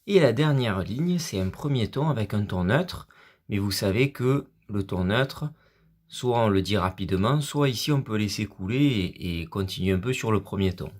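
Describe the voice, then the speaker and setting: A man's voice: on the low side, expressive, normal speed. A man teaching a pronunciation lesson, drawing out the tones of example words with care. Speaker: Chinese language teacher.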